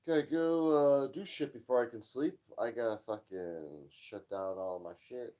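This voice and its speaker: Tired low-voiced man reading news. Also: expressive, moderate pace, dull audio. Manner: offhand, stumbling reader, dismissive asides. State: tired, yawning. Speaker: livestream host. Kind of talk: casual live-stream news reading.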